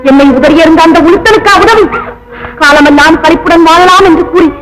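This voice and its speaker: A woman's voice: extremely high pitch, a little fast, rough recording. A proud, vengeful, scornful lady. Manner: scornful, declamatory, relentless. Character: proud vengeful woman, cold and unforgiving. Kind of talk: 1950s film melodrama acting. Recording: old film soundtrack with loud music.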